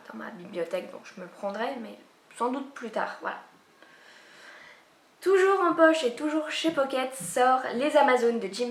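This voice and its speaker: A woman book vlogger chatting casually about upcoming releases, rambling with many fillers and restarts. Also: fairly high pitch. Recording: echoey room.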